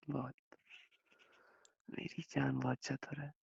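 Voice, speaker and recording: A man's voice: medium pitch, little pitch movement, slow, gravelly, breathy edge, dry recording. A young man on an intimate phone call with his wife, reassuring her and rambling through long explanations. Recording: muffled phone call recording.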